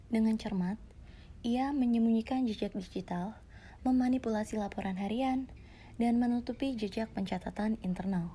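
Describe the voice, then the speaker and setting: Woman playing a mellow-voiced parody news anchor. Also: on the high side, moderate pace, slight background noise, close to an everyday voice. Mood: formal, serious. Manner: formal, read-out delivery. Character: female TV news anchor reporting a fraud case.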